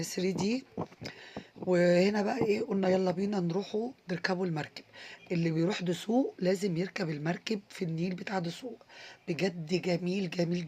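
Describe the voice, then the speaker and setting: A woman's voice: on the low side, a little mellow, slightly rough. A young Egyptian woman with an Egyptian Arabic accent, chatting enthusiastically to her viewers in a casual vlog voice-over. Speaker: vlogger.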